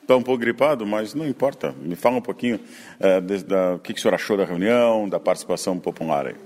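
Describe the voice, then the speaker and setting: A man's voice: on the low side, fast, darkish tone. A man hosting a rural radio program, interviewing people on site in a conversational way. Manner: conversational, leading questions.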